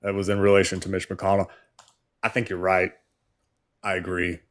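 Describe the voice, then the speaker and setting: A man's voice: sits low, monotone, moderate pace, a bit bright. A man in his thirties co-hosting a live stream, reading supporter messages aloud in an easy way. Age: 30s. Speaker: co-host.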